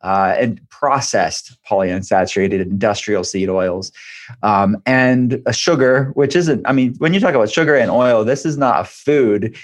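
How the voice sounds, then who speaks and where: A man appears as a guest expert in an interview, a functional medicine practitioner explaining things point by point and repeating phrases for emphasis. His voice is mid-range and his pace measured.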